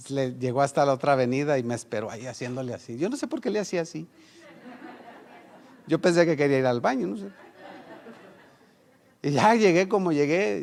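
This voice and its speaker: A middle-aged Mexican pastor preaches in a slightly high, gravelly voice. He speaks with a Mexican Spanish accent and tells stories with animation, putting on the voices of the people he quotes. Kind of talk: sermon with personal anecdote.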